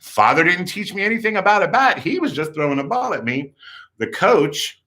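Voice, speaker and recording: Male stand-up telling a story at home: camp, animated, bright tone, plays every voice himself. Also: high-pitched, normal speed. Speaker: comedian. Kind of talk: comic storytelling. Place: at home, indoors. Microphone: camera in front.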